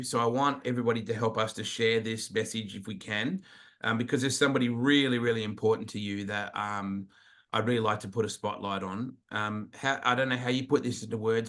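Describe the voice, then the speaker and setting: An Australian man interviewing a friend, telling stories chattily and getting animated when he recalls them. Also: on the low side. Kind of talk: casual chat interview.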